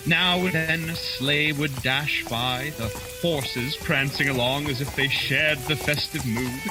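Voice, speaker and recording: A man's voice: on the high side, poor audio. A man playing Doctor Watson, a chatty, naive sidekick and genial storyteller in a radio detective drama. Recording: music behind the voice.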